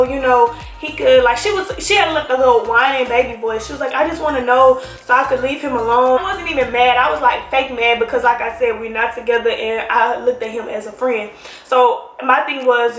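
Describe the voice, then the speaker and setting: A woman's voice: a little high, a bit bright, echoey room. A woman telling a personal story in a casual, sarcastic, slangy way.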